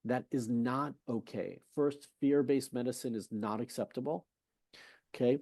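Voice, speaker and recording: Speaking at a measured pace, a man with a medium-pitched, warm, creaky voice appears as a fertility specialist in a podcast interview, with no room sound. He is conversational yet emphatic and persuasive, retelling his talks with patients and asking rhetorical questions.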